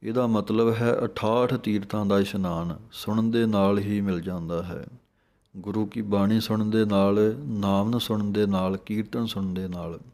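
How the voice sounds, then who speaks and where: A man teaching correct scripture pronunciation, slowly chanting each line and then explaining how each letter and sound should be spoken. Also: on the low side, steady tone, darkish tone. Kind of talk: slow recitation lesson with explanations.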